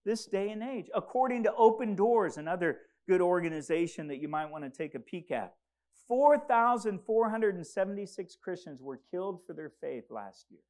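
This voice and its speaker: A man's voice: high-pitched, lively intonation, normal speed, a little mellow. A man who grew up in Congo preaching a sermon, earnest and rising to urgent emphasis. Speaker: pastor.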